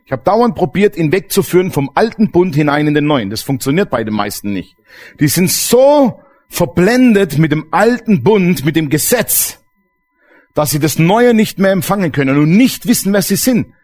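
A man's voice: fairly high pitch, big pitch swings, moderate pace, darkish tone. A man preaching a sermon as pastor, emphatic and asking the congregation questions.

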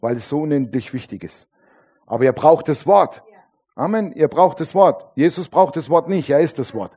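A man's voice: a little high, normal speed, husky. A man preaching a sermon as pastor, acting out the voices of churchgoers and putting questions to the congregation. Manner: animated, acts out voices of churchgoers; calls on the congregation with tag questions.

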